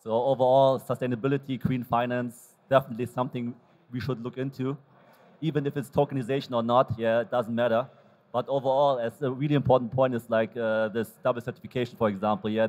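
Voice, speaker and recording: Man, panelist, fast, mid pitch, says yeah often. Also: a little mellow, muffled recording. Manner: tags sentences with yeah. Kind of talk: conference panel talk.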